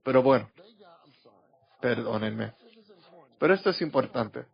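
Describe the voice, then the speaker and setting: Middle-aged male preacher, mid-pitched, storytelling style, dull lo-fi sound. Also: animated, measured pace, gravelly. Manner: storytelling, acting out quoted voices. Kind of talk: sermon with personal stories. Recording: dull lo-fi recording.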